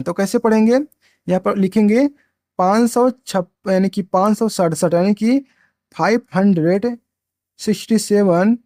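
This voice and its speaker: High-voiced man explaining maths, dry sound. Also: a little mellow, dry recording. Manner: repeats himself, asks and answers his own questions. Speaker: maths teacher. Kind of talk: explaining at a board, step by step.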